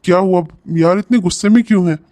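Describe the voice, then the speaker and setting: Easygoing young buddy in a cartoon, a guy voicing him, high but mellow voice, coaxing tone. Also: brisk, close to an everyday voice. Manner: casual, coaxing, reasonable. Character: easygoing young male friend, reasoning. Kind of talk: cartoon voice acting.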